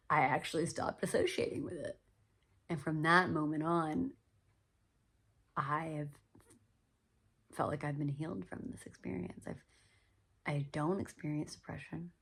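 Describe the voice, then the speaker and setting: A woman with a low, gravelly voice shares her story in an earnest, reflective monologue. Her voice is husky and often sinks into a near whisper. She speaks gently, with plenty of pauses and fillers. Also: steady tone. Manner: soft-spoken, often trailing into a whisper. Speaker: podcast host.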